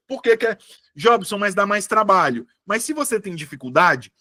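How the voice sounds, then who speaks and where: A young Brazilian man teaching Portuguese in a live online exam-prep class, lively and chatty, calling students by name and "meus amores". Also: high voice, dry recording, studio quality.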